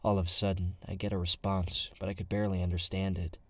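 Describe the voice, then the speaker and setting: An actor playing a nervous young male survivor, narrating an audio drama in the first person with tense, hushed storytelling. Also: low voice, flat delivery, fast talker, very noisy, natural voice. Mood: uneasy.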